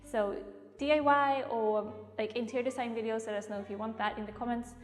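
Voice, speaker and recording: A woman's voice: fairly high pitch, fairly even intonation, brisk. A woman vlogger chatting casually with lots of "like" fillers, her voice ringing with a strong echo in a nearly empty apartment room. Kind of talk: casual home vlog chat. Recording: echoey bare room with long reverb, faint music.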